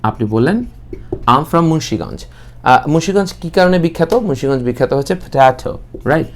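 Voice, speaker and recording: A young man with a Bangladeshi accent teaching an English class, explaining steadily and slowing right down for model sentences. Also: on the high side, expressive, a little mellow, a little hiss or hum. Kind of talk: online English class, mixing Bengali and English.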